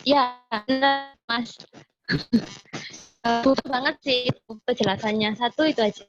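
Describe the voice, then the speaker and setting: A woman speaking in halting fragments at an online meeting, her audio breaking up and cutting in and out over a choppy video call. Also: on the high side, steady tone, lo-fi sound, over loud music. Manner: halting, fragmented speech full of hesitations. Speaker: student organization member at a campus meeting.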